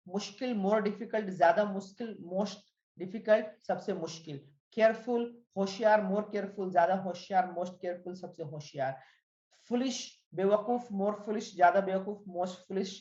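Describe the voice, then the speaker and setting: Lady english teacher going over word lists slow, echoey room, kinda dull lo-fi sound. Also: medium pitch, a little mellow. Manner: reads word lists aloud, slow and drilled, falls at each line end. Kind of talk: spoken English grammar lesson.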